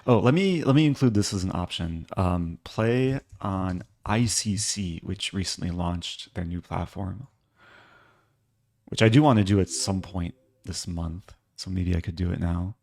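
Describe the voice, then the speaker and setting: A man giving casual live commentary as a chess streamer, low-key and thinking aloud in short fragments. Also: a little slow, darkish tone.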